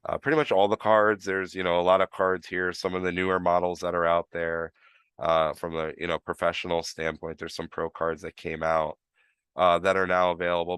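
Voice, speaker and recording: A man with a New York accent, slightly tinged with Florida, walks through the details in a loose, rambling way, full of "you know" and restarts. His voice sits very low and sounds smooth and resonant. The sound is dry and close. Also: a bit bright, no echo. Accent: New York, with some Florida. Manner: rambling, lots of fillers and restarts. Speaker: live stream host. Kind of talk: casual explanatory chat.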